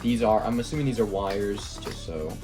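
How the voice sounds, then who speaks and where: Excitable young man rambling over music. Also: fairly low pitch, normal speed. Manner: excitable, rambling, many fillers. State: swollen lip. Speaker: vlogger. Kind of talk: casual unboxing vlog.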